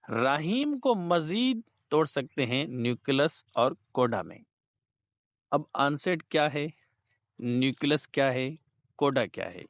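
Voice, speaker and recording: A man teaching linguistics in a slow, deliberate lecture, mixing Hindi and English. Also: a little high, no echo, studio quality. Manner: slow, deliberate explaining, words drawn out.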